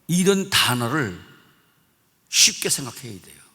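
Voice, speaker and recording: A man's voice: medium pitch, very animated, unhurried, sharp tone, husky. A pastor preaching a revival sermon. He is emphatic and repeats himself, putting questions to the congregation. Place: church sanctuary. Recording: reverberant church sanctuary.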